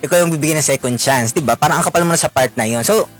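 A man's voice: fairly high pitch, racing, over music. A man with a Filipino accent giving casual relationship advice, mixing Tagalog and English and ending lines with questioning asides.

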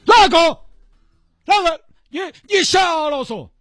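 A man's voice: extremely high pitch, big pitch swings, a little fast, a bit bright, slightly rough, dry recording, clean studio sound, pitched above the performer's own voice, exaggerated voice. A man voicing a cranky seventy-year-old man who scolds and nags in a Sichuanese accent. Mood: angry. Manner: scolding, nagging.

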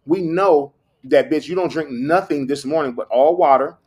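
A man's voice: fairly high pitch, moderate pace, a little mellow, husky. An American man chatting casually and profanely, telling brash, boastful frat-bro stories full of slang as a guest performer. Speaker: adult film performer being interviewed.

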